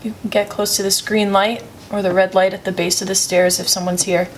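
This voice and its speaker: A woman in her twenties chatting casually and quietly as a paranormal investigator. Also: level tone, brisk. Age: 20s. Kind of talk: casual hushed chat. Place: indoors in a dark old mansion. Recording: low rumble, faint location noise.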